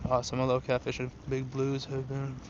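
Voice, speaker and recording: Brisk and monotone at a medium pitch, this young man from Ukraine answers viewers casually during a fishing livestream on a riverbank in the wind. English came to him after he moved to the US, and he mixes in Russian; the audio has its highs cut off and background noise.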